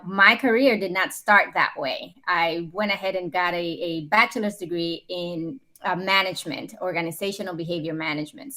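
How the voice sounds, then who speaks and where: Podcast guest, woman in her forties, from the Dominican Republic, lowish voice, earnest and upbeat. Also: bright, forceful tone. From Dominican Republic, raised in New York City. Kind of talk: conversational interview.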